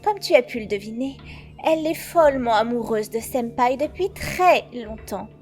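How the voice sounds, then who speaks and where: A woman voicing a sly, composed teenage schoolgirl informant in a French anime fan dub, speaking in a knowing, measured way. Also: fairly high pitch, animated, a little mellow, close to an everyday voice. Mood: scheming.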